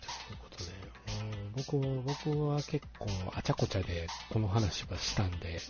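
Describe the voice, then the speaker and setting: Low-voiced Kansai man for a podcast co-host, relaxed film talk, lively pitch, slightly muffled recording. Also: normal speed, over music. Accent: Kansai Japanese. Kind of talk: casual film discussion.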